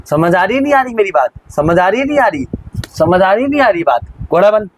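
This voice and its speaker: A man's voice: high voice, sing-song, a little fast, a little hiss or hum, poor audio. A young man acting a strict teacher in a comic classroom skit, barking repeated orders and scolding. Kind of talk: comic classroom role-play.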